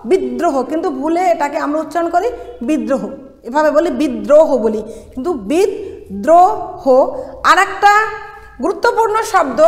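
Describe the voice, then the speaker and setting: Woman college lecturer, high voice, patient step-by-step explainer, roomy classroom echo. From Bangladesh. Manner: explains step by step, asks and answers her own questions. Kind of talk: classroom lesson on pronunciation rules. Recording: echoey room, long reverb.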